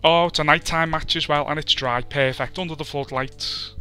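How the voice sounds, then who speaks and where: Commentating casually on a football video game, this Liverpool man with a Scouse accent is talkative and self-deprecating. His voice is a little high and steady, pushed and bright, at normal speed, over faint music.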